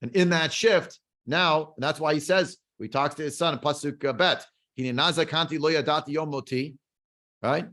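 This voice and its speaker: A man's voice: a little high, normal speed, bright, forceful tone. Man, Bible teacher, video call, asks rhetorical questions, rambling with fillers. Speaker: Torah teacher.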